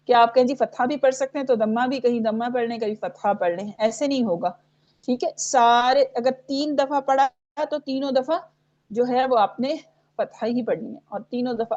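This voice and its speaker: A woman teaching an online tajweed class, reciting verses slowly and patiently. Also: a little high, a little mellow, dull audio. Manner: patient, recites verses slowly, checks in often with "theek hai".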